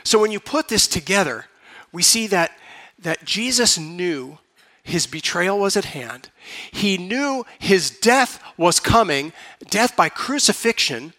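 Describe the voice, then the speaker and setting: Brief: male pastor, bright high voice, dramatic storytelling sermon with hushed moments. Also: very animated, takes it slowly. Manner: dramatic storytelling that drops to a hush.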